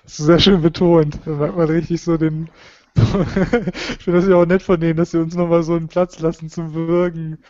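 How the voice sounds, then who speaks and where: A man co-hosting a talk show, rambling with dry sarcasm and many fillers. His voice is fairly high but very flat and mellow, on a dry, dull, lo-fi recording. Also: moderate pace, no echo. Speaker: podcast co-host. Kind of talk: casual talk show chat. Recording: dull lo-fi sound.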